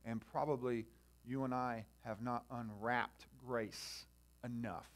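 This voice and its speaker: A man preaching a sermon, talking directly to his listeners and swinging between quiet conversation and loud, impassioned preaching. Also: medium pitch, fairly even intonation, slow. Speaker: pastor.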